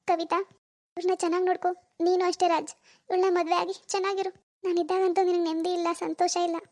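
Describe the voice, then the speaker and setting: Lady doing a heartbroken young wife in a cartoon, high voice, talks fast, sad and resigned. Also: darkish tone. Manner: tearful, resigned. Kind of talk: animated cartoon dialogue.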